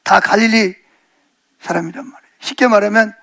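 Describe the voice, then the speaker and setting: High-voiced pastor preaching with animated storytelling. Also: male voice, fairly quick. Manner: animated storytelling, asks the congregation questions. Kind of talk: sermon.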